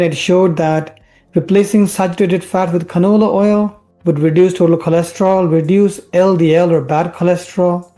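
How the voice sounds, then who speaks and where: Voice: medium pitch, mellow. A presenter from India who is a physician, explaining research in a scripted science show host manner with rhetorical questions and emphatic key words. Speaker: family physician presenting health videos.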